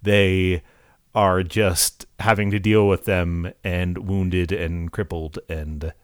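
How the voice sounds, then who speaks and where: A man co-hosting a casual film discussion, recapping plot points in a laid-back way that often trails off quietly. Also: deep voice, little pitch movement, slow pace, smooth, no echo, studio quality. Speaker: podcast co-host.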